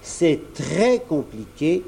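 A man voicing a determined, kindly old grandfather in a storybook reading, firm and deliberate. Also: fairly high pitch, very animated, vocal fry, mellow, husky, pitched above the performer's own voice, exaggerated voice. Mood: instructive.

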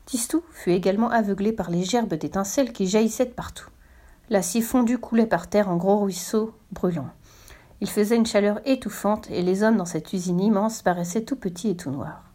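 A woman reading a children's novel aloud in a steady, expressive storybook style. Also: mid-range voice, moderate pace. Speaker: narrator.

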